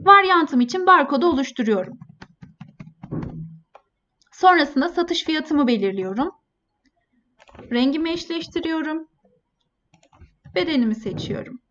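A woman presenting a scripted step-by-step software tutorial in a polite, formal customer service manner. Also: high-pitched. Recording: dull, lo-fi voice-over.

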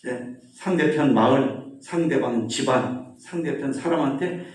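A man's voice: mid-range voice, measured pace. Man preaching in an echoey church. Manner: animated storytelling, asks the congregation questions. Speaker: pastor. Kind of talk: sermon. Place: church sanctuary. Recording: echoey church hall, mic at a distance.

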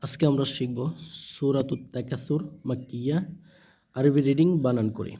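A man teaching Quran reading, spelling out each letter slowly and answering his own questions. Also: mid-range voice, fairly even intonation, mellow.

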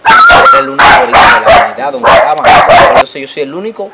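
At night on the street, a young adult man from the Dominican Republic tells his story to an interviewer holding a handheld mic, speaking Spanish with a Puerto Rican accent. He is animated and gestures, repeatedly saying "tú me entiendes" to check he's being followed. His voice is high and fast against heavy background noise.

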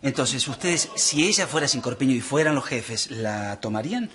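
An actor playing a smug, boastful shoe shop colleague with an Argentine Rioplatense accent, in sitcom acting before a studio audience. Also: male voice, medium pitch, animated, normal speed, fairly bright tone, natural voice. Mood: sly.

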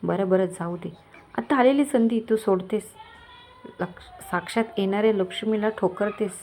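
A woman's voice: mid-range voice, normal speed, a little mellow, natural voice. A woman voicing a scheming, lecherous middle-aged village moneylender who talks in a coaxing, menacing way. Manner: coaxing, menacing, falsely kind.

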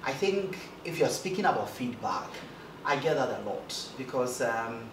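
Speaking at a normal speed, a broadcast journalist sits in an armchair on an indoor studio set as a guest in a casual interview. His voice is light and high-ish for a man, and he's animated, gesturing a lot and stammering on starts. The distant mic gives a roomy echo and picks up background noise.

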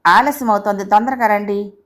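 A woman's voice: mid-range voice, steady tone, fairly quick, natural voice. Woman voicing a curt, cold stepmother. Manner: curt and snappish.

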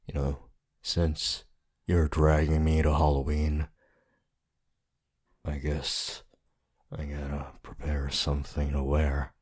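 Man voicing Hitoshi Shinsou, very deep husky flirt. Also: monotone, darkish tone, exaggerated voice. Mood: tired, awkward. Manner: slow, halting, low-key delivery with sighs and pauses. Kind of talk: roleplay ASMR voice acting.

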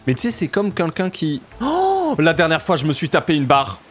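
A man with a southern French accent, chatting casually and jokily while playing a game, often jumping up in pitch for emphasis. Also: wildly swooping pitch, moderate pace, soft background music. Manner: chatty, jokey, jumps to high pitch for emphasis. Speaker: let's play streamer. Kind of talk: casual gameplay commentary.

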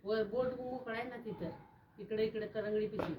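A woman's voice: fairly high pitch, fairly even intonation, highs cut off, slight background noise. A middle-aged woman, the vlogger's mother, giving her son short instructions. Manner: brisk, gives short instructions. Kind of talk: casual family talk.

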